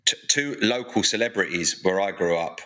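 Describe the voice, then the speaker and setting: A man's voice: low-pitched, moderate pace, bright, forceful tone. A man, an actor guest telling self-deprecating stories in casual chat.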